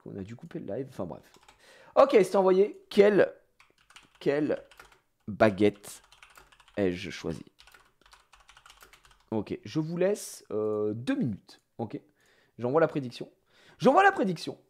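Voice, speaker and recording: A man streaming live, chatting casually with his viewers, swinging from loud exclamations to mumbled asides and swearing now and then. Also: medium pitch, very animated, takes it slowly, long pauses. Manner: swears casually while fiddling with the computer.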